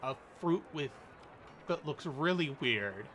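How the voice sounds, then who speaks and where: A man narrating a tabletop game casually as game master, describing scenes in halting pieces. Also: fairly high pitch, expressive, a bit bright, a little hiss or hum.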